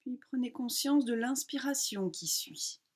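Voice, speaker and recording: This yoga nidra session is led by a woman whose voice is a little high. She keeps things calm, guiding the relaxation meditation in short, slow phrases punctuated by pauses.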